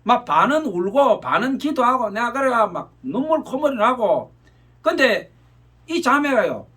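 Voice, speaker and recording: A man's voice: very high-pitched, a bit bright. A male pastor preaching a sermon, telling an emotional story and acting out gestures as he speaks. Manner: emotional storytelling, acts out gestures with repeated "이렇게".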